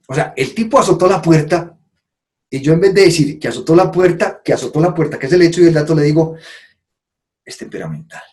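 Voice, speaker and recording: Here a conference speaker with a fairly high, somewhat mellow voice lectures live to an audience. He dramatizes quotations and often pauses to ask "¿sí?".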